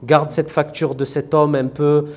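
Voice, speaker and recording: A man's voice: on the high side, level tone, unhurried, darkish tone. A man with a Marseille accent, an author talking loosely in an interview, with many fillers and restarts. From France. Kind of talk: casual interview talk.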